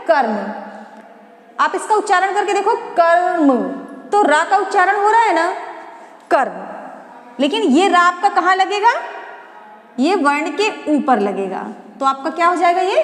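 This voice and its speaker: Slow, high-voiced woman teacher in an echoey room. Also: a bit bright. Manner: slow, question-and-answer teaching, drawing out each syllable. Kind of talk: classroom lesson for children. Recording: echoey room with long reverb.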